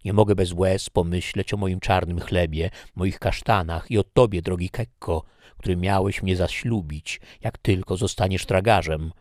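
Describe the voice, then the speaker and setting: A man's voice: low voice, fairly even intonation, moderate pace, a little mellow, no room sound, studio quality, close to an everyday voice. A man voicing a capricious, passionate young woman who speaks vehemently and theatrically. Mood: bitter, vehement.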